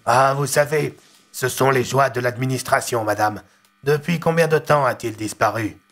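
A man voicing a blunt male police commissioner with a gravelly, husky voice. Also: medium pitch, normal speed, a bit bright, lightly acted.

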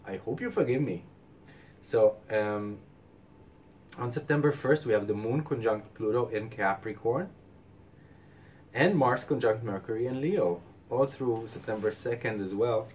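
A male astrologer hosting a weekly forecast, speaking calmly and giving advice, tired from little sleep. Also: mid-range voice, measured pace, distant mic, slight background noise. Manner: calm, advising, with frequent fillers and restarts. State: short on sleep. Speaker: astrologer host.

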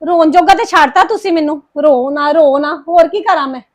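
A woman's voice: sits high, natural voice. An actress playing a grieving young wife who bitterly reproaches her mother-in-law, with a Punjabi accent. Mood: bitter, accusing. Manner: reproachful, accusing, rapid complaints. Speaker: daughter-in-law Harpreet. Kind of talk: emotional family drama acting.

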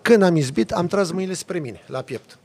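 A man, a podcast guest, telling a lively story in a casual chat with vivid sound effects. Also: high-pitched. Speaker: podcast guest, off-road driver.

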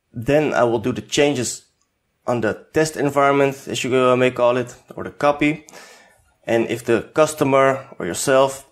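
Here a medium-pitched male tutorial host, Dutch by birth and first language, explains software off the cuff. His Dutch accent comes through, and his delivery is halting and packed with fillers.

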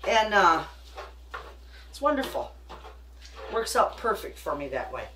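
A woman's voice: mid-range voice, big pitch swings, unhurried, bright, forceful tone. Older lady doing a folksy kitchen cooking demo, chatty, bit far from the mic, echoey room. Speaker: home cook, cooking show host. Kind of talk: casual kitchen cooking demonstration. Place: home kitchen, indoors at the stove. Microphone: camera a few feet away. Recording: echoey kitchen, distant mic, background noise.

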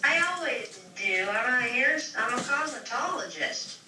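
A woman's voice: on the high side, animated, unhurried. A woman chatting casually on a phone call, heard over a speakerphone, talking loosely and swearing offhandedly. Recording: echoey, distant speakerphone with background noise.

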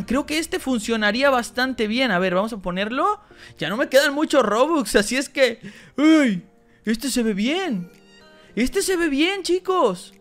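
A woman giving excitable let's-play commentary as a gaming YouTuber, talking straight to her viewers. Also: sits high.

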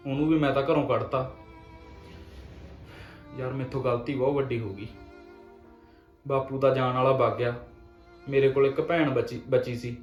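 A man's voice: mid-range voice, fairly even intonation, roomy sound, faint music behind, natural voice. An actor playing a young man who pleads with his sister for forgiveness after losing his land. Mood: regretful. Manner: pleading, repentant, with many pauses. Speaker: brother.

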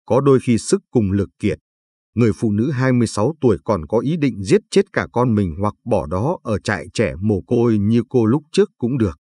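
Husky low-voiced male storyteller. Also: animated, a little fast, warm tone, no echo. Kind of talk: late-night story narration.

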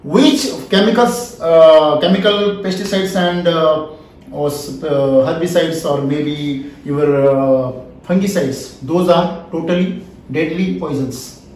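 This trainer is a high-pitched man with an Indian accent whose slow, darkish voice carries an emphatic, questioning style as he repeats key phrases in an interactive classroom lecture. The small, wood-panelled indoor room rings with heavy echo. A camera a few feet away serves as the distant mic.

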